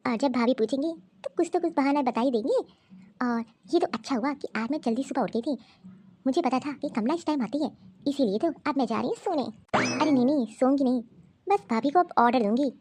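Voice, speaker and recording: Cartoon sister-in-law, scheming, bossy, high voice, performed by a woman. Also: fairly quick, a little mellow, slightly rough. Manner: sly, coaxing, bossy. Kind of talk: animated cartoon story voice acting.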